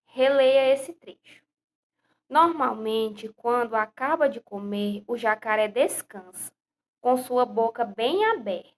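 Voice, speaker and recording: A woman's voice: a little high, expressive, measured pace. Patient Brazilian woman teaching young children. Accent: Brazilian Portuguese. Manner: patient, explains step by step, repeats questions. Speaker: primary school teacher. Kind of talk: recorded remote lesson.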